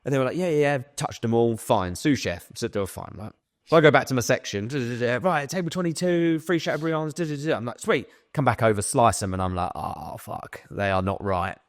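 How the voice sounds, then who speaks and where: A young man telling a workplace story as a podcast guest, animated and swearing freely as he acts out what people said. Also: mid-range voice, quick pace, no room sound, clean studio sound. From England. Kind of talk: casual storytelling.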